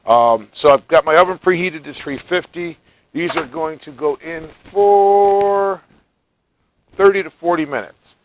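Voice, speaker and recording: A man from the United States casually chatting through a home cooking vlog, relaxed and talkative, often tasting food while he speaks. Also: fairly high pitch, measured pace, rough recording. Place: home kitchen.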